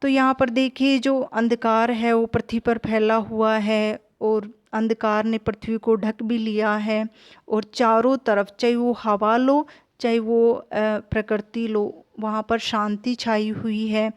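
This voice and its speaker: A woman teacher explaining a poem at an unhurried pace. Her voice sits a little high, and she stops often with fillers as she mixes English terms into her explanation. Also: flat delivery, smooth. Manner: slow, hesitant explaining with fillers, mixing English terms into Hindi.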